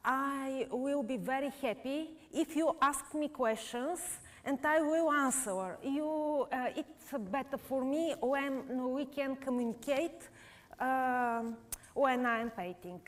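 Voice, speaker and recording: Slow, halting Bulgarian-accented woman. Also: high-pitched. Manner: halting non-native English with frequent uh pauses. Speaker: painter giving a live demonstration. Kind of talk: live painting demonstration. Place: stage before a live audience.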